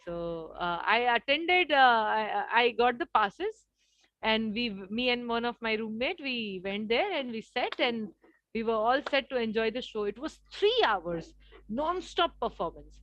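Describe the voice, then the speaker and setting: Expressive Indian-English woman trainer. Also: a little high, a little slow, no room sound, muffled recording. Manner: expressive, acts out contrasting voices. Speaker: communication trainer. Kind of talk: live workshop lecture.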